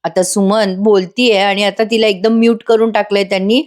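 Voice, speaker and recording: A woman's voice: medium pitch, flat delivery, moderate pace. Chatty woman recapping a TV episode. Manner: chatty, addresses the viewers. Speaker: serial review narrator.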